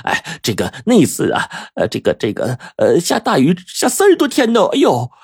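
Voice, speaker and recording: A man's voice: a little high, wildly swooping pitch, normal speed, vocal fry, darkish tone, husky, no echo, studio quality, pitched above the performer's own voice, full character voice. A man voicing a chatty, gossiping middle-aged village landlady, full of exclamations and fillers. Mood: storytelling. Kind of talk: audiobook character voice.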